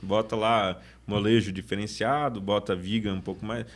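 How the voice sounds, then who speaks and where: A man's voice: fairly low pitch, steady tone, normal speed. A man, a sales manager talking casually in a podcast interview, often restarting his sentences. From Brazil. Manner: chatty, restarts sentences often, acts out customer quotes.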